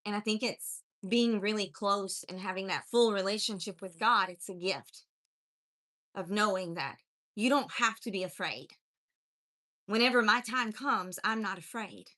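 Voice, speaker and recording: A woman's voice: mid-range voice, unhurried, pushed and bright. A woman with a mixed accent from growing up in many places, hosting a spiritual coaching livestream, greeting viewers and preaching in an earnest, encouraging way. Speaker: spiritual life coach and live-stream host. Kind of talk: live-stream chat greeting viewers and preaching.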